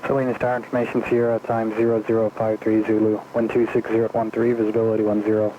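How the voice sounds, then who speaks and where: A man's recorded airport weather broadcast plays over aviation radio. He reads fast in a flat monotone, and his voice is dark and mellow. The sound is muffled and lo-fi, with a faint hiss of static underneath. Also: on the low side. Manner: rapid monotone reading of weather and airfield notices.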